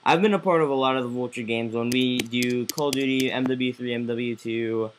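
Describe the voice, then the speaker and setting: A man's voice: mid-range voice, brisk, a little hiss or hum. A man hosting a casual live-stream chat, rambling with many fillers and restarts. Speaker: host.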